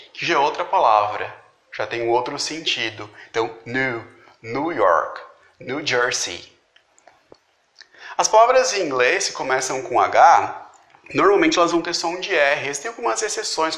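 Man slowly teaching word sounds, echoey room. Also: mid-range voice, a bit bright. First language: Portuguese. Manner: slow, deliberate repetition of example words. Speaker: pronunciation tutor. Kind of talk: instructional explanation.

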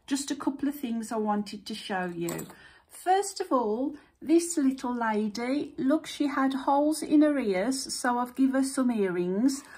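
A woman speaks in a slightly high, husky voice, taking her time over every word. She chats casually to her viewers at home, thinking aloud with plenty of fillers as she shows off small things. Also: animated, unhurried, darkish tone. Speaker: vlogger. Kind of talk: casual chat.

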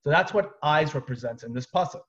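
A man in his thirties leads a live online Torah class, walking through the material step by step with casual asides. His voice is fairly high, expressive and fairly quick. He's heard through a webcam on a video call, with dull, lo-fi audio.

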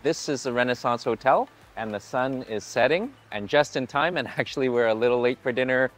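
Walking through a hotel buffet restaurant, a man in his forties gives a chatty, upbeat food vlog and warmly greets the staff as he goes. His mid-range voice is a little fast, backed by soft music.

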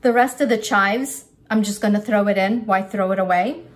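An older woman, working as a cooking instructor, gives a casual, unscripted demonstration at a counter in a home-style kitchen, narrating each step as she goes. Her voice sits at a medium pitch and moves at a normal speed. Kitchen clatter and background noise come through clearly on the recording.

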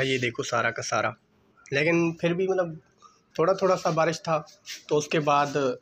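Young man, casual vlog talk, bright voice, faint background hiss. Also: a little high, rough recording. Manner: chatty, loose, restarts with filler words. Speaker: vlogger. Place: at home and outdoors in rain.

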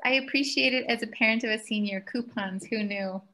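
A woman's voice: on the high side, a little fast, sharp tone. A woman moderating an online information session over a video call, inviting questions in an upbeat, encouraging way.

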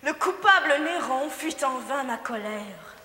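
A woman's voice: high-pitched, expressive, a little slow. A young actress playing a schoolgirl who declaims classical verse as a vengeful empress, in a hammy, grand stage manner. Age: young adult. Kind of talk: classical verse tragedy acting. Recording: reverberant hall, faint noise.

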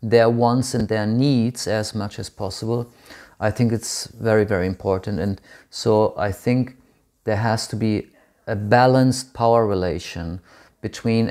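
A man's voice: fairly low pitch, fairly even intonation, measured pace, darkish tone. A man in his forties, a curator, answering an interview question to camera from a home study, thoughtful and searching for words with frequent ums and restarts. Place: home study with bookshelves, indoors.

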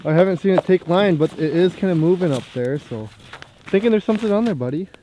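A man's voice: sits high, fast talker, warm tone, a little hiss or hum, poor audio. A man chatting casually for an outdoor fishing vlog on a frozen lake, with slangy buddy-like banter. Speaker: fishing vlogger.

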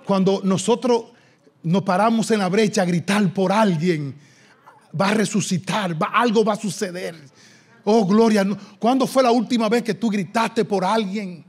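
High-voiced man preaching with fervor. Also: breathy edge. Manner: impassioned preaching, swinging from loud shouts to low hushed lines; slow, drawn-out reading of quoted scripture. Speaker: pastor. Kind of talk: sermon.

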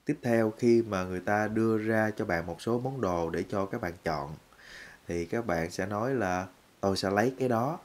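A man with a Vietnamese accent teaching English phrases, repeating each one slowly word by word. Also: lowish voice. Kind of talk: English lesson.

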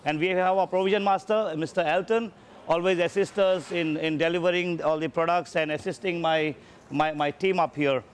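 A chef in charge of a ship's galley casually explains his kitchen, often repeating words while gathering his thoughts. The voice is a little high and steady at normal speed, with slight background noise.

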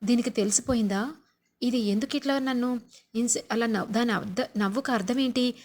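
A woman's voice: on the high side, brisk, darkish tone, close to an everyday voice. A woman voicing a young wife who panics, breaking off her words in fluster. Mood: panicked.

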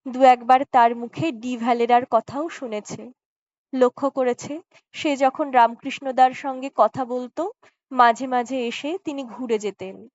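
A woman narrates an audiobook story in a high, unhurried voice. She reads softly and dramatically, close to the mic. The recording is dry and a little dull. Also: no echo. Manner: slow, soft dramatic reading with acted dialogue.

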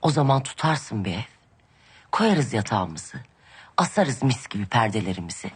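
A woman's voice: a bass voice, very animated, normal speed, slightly rough, heavily acted. An actress playing a firm wife who scolds and turns her husband out. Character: stern wife Ayten refusing her husband, woman.

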